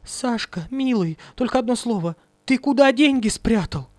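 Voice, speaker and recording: Desperate scheming woman voiced by a man, high wheedling pleas, dry close sound. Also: lively intonation, moderate pace, darkish tone, no echo. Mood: pleading. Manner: wheedling, high-pitched pleading. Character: pleading scheming blonde woman, desperate for money.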